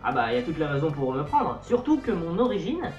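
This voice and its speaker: Fast and very animated, this youtuber in his late teens has a slightly high voice with a darkish tone. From a Portuguese-Brazilian family background, he talks casually and chattily to camera, mocking himself playfully. The recording is reverberant with the highs cut off, and soft music plays in the background.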